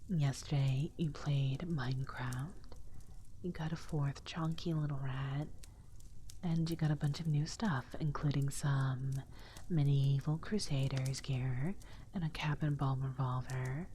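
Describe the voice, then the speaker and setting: A woman streamer whispering softly and breathily in a gentle, cutesy, affectionate way to her viewers on an ASMR livestream. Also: extremely low pitch, steady tone, unhurried. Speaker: VTuber streamer and host. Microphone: close 3Dio binaural microphone. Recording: faint background noise, close binaural mic.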